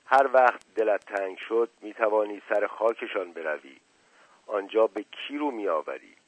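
A man's voice: lowish voice, breathy edge, no echo, voice pushed up, poor audio. Brief: a man doing a worried young mother, dry close sound, for a radio story reading. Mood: pleading. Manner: earnest, pleading. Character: worried young mother pleading with her aunt.

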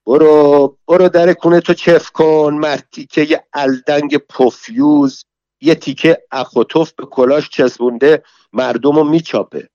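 A man's voice: on the high side, fairly even intonation, dry recording, highs cut off, lightly acted. A man voicing a foul-mouthed, quarrelsome middle-aged woman, hurling insults while reading a story aloud. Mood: scolding. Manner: shouting insults, scolding.

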